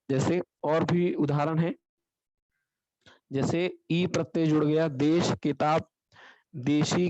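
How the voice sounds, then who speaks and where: A man with a slightly high voice teaches grammar in an online class. He explains step by step and asks questions only to answer them himself. The audio is dull and lo-fi, with a dry, close sound. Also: darkish tone, no room sound.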